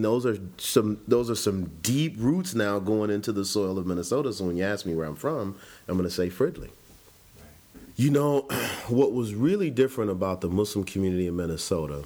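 Low-voiced man recalling his life. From Chicago. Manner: reflective, conversational, with frequent restarts. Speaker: interviewee. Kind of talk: personal life-story interview.

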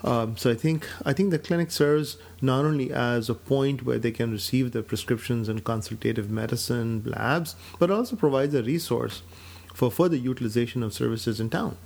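A man in his forties from Pakistan, a physician and clinic director, talking about his life and work in a measured, steady way with frequent fillers. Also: mid-range voice, vocal fry. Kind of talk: personal account to camera.

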